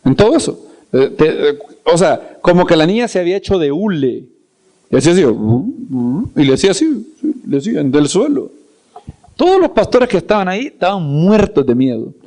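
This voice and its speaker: Male preacher, slightly high voice, lively storyteller who acts out scenes. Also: a little fast. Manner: repeats words for emphasis. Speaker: preacher and Bible teacher. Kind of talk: storytelling sermon.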